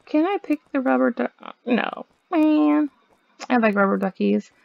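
A woman's voice: fairly high pitch, normal speed, vocal fry, no echo, dull audio. A young woman commentating her own video game play in a playful, dramatic way, with chants and squeals. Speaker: gaming video host.

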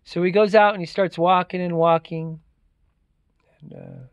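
A man's voice: high-pitched, wildly swooping pitch, unhurried, creaky, smooth, no room sound, dull audio. A man retelling a folktale in a loose, chatty way, repeating words for effect and using fillers. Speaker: storyteller. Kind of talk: casual oral retelling of a folktale.

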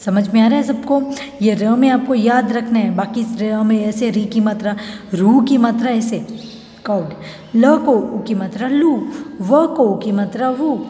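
A woman teacher giving a recorded lesson to young pupils, slowly repeating each word twice for them to echo. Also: fairly high pitch, warm tone. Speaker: school teacher. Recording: echoey room with long reverb, faint hum.

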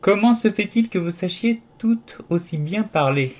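A man's voice: high-pitched, expressive, unhurried, pitched above the performer's own voice. A man voicing a curious, polite little girl in an audiobook, eager and full of questions.

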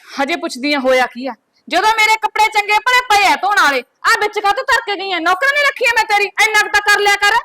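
A woman playing a sharp, quarrelsome wife. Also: very high-pitched, lively intonation, fast talker, full character voice. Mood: accusing. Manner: sharp, accusing. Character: quarrelsome young wife feuding with her sister-in-law.

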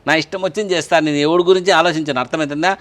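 A man's voice: a little high, fairly even intonation, rapid-fire, fairly bright tone. A man acting as a brash, defiant husband in a comic sketch. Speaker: husband in a comedy skit.

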